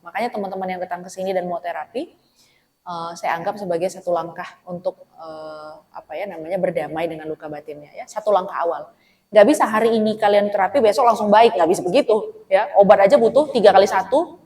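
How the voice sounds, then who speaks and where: A woman, a therapist, giving a conversational religious talk to a women's study group. She is lively, laughs often and asks the audience rhetorical questions. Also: mid-range voice, poor audio. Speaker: speaker at a women's Islamic study session and therapist.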